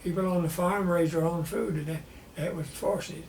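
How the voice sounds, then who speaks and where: An old war veteran in his nineties with a Southern US accent remembers his life in a plainspoken, halting way during an interview. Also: high voice, fairly even intonation, creaky, a little mellow. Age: 90s. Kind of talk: personal reminiscence in an interview. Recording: roomy echo with faint background noise.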